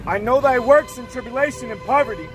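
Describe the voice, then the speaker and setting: A man reading Bible verses aloud for a street preacher, declaiming each verse loudly. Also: very high voice, animated, fast, over music. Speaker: scripture reader in a preaching group. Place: outdoors on a street.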